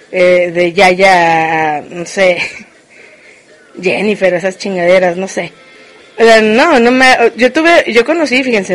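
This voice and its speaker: Mexican woman venting to camera, blunt and slangy, lots of fillers and cussing. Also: medium pitch. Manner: blunt, slangy, peppered with "o sea" fillers and swearing. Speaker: vlogger. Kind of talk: casual ranting monologue.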